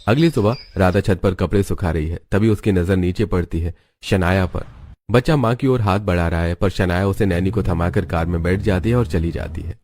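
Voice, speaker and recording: Deep-voiced male story narrator. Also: moderate pace, a little mellow, no room sound. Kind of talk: scripted narration.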